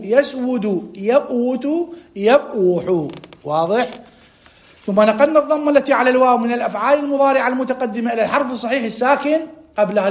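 High-voiced man teaching grammar. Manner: mixes formal Arabic with dialect, quizzes listeners, repeats key words. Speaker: teacher of Arabic morphology. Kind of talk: classroom lesson.

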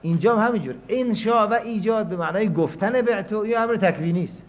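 Man lecturing on dull lo-fi audio. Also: high-pitched. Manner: reasoning aloud, shifting between quiet and emphatic. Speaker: seminary teacher. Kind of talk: scholarly jurisprudence lecture.

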